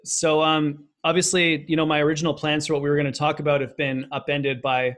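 A man's voice: a little high, level tone, brisk, fairly bright tone. A man hosting a podcast, reading a guest introduction and then talking in an earnest, reflective way with plenty of fillers. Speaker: podcast host. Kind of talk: podcast intro and interview chat.

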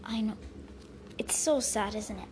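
A young girl voicing a kind, grieving grandfather who speaks haltingly with many pauses and fillers, in a home-made story. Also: sits high, a little mellow, slight background noise. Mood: sad. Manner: hesitant, halting speech with fillers. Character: kind grieving grandfather, gentle and soft-spoken.

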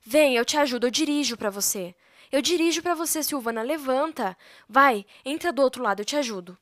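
A woman's voice: high voice, expressive, brisk, fairly bright tone, dry recording, studio quality. A woman voicing a desperate young mother saying goodbye in tears, with a Brazilian Portuguese accent. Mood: urgent. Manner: crying, pleading, urgent. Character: desperate young mother fleeing with her son.

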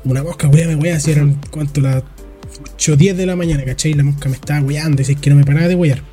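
A man's voice: on the high side, fairly even intonation, quick pace, warm tone, faint music behind. A young Chilean man telling rambling stories in casual podcast chat, full of slang. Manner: rambling storyteller, heavy slang. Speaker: podcast co-host.

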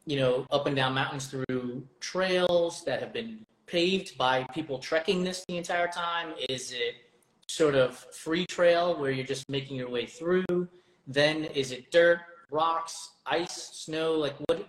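A man's voice: a little high, a little slow, a bit bright. Male podcast host in a roomy space. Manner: asks long, searching questions and addresses the audience. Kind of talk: podcast interview.

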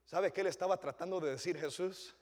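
High-voiced pastor preaching with church reverb. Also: male voice, fairly quick. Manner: swings between shouted peaks and hushed low passages. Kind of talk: sermon.

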